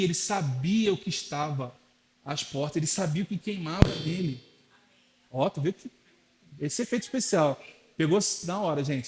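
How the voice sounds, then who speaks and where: Casting: young Brazilian pastor, high voice, chatty sermon delivery, slips into quoted voices. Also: male voice, a little mellow. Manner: conversational preaching, acts out quoted voices.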